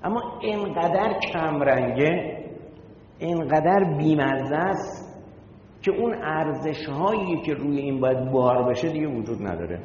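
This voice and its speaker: A man's voice: expressive, a little mellow. A man giving an emphatic, argumentative sermon full of rhetorical questions. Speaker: religious lecturer. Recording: echoey hall, dull lo-fi sound, faint rumble.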